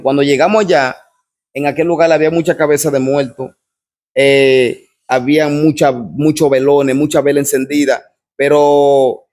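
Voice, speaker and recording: A man with a Dominican accent recounting his personal testimony as a guest, telling the story step by step and often pausing to ask what happens next. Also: fairly high pitch, a little mellow. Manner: repetitive storyteller, keeps asking "what happens?".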